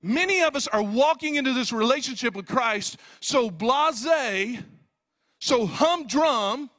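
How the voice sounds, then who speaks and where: An older man, a pastor preaching a sermon, swinging between loud pleading and hushed low asides, repeating words for emphasis. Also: expressive, moderate pace.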